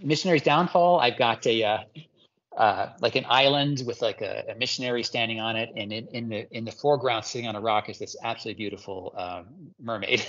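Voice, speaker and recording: A man's voice: medium pitch, fairly quick, fairly bright tone, highs cut off. A man from Hawaii chatting as a guest in an interview, enthusiastic and rambling with lots of fillers. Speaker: guest ceramic artist. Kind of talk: casual interview chat.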